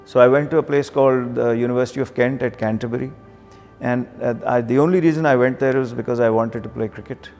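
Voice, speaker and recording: This interview guest, a middle-aged banker from Karachi with a Pakistani accent, talks conversationally while reflecting on his story, sometimes slipping into Urdu phrases. His medium-pitched voice moves at a quick pace with fairly even intonation and a slightly mellow quality, trailed by long reverb, with background music behind him.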